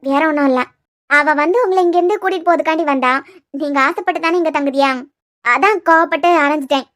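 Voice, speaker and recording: A woman voicing a loving, worried old grandmother in a cartoon serial, speaking softly in a Kanyakumari Tamil accent. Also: high-pitched, fast. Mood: apologetic. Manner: soft, coaxing, affectionate.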